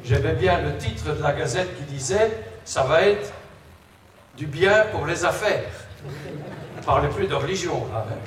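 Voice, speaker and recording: A man's voice: a little high, lively intonation, a little slow, long pauses. A man giving a religious lecture as a priest, explaining things with conversational asides to his listeners, in a large, echoing space. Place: large reverberant indoor space. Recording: echoey hall, distant mic, background noise.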